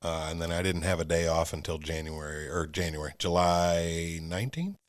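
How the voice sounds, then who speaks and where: A man's voice: deep voice, moderate pace. A man with an Ohio accent, a guest on a podcast, talking in a laid-back, folksy way that often trails off. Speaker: shooting center general manager, guest. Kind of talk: casual interview chat.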